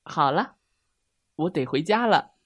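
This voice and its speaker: A man voicing a cheerful little mouse in a children's bedtime story, speaking in a bright childlike way. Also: a little high, animated, slow pace, pitched above the performer's own voice, full character voice.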